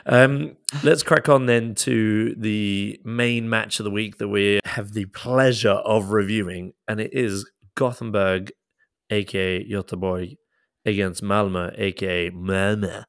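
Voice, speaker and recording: Gravelly low-voiced man hosting a podcast. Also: fairly even intonation, measured pace, no echo, clean studio sound. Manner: jokey, banters and laughs often. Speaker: podcast host. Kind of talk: casual football podcast chat.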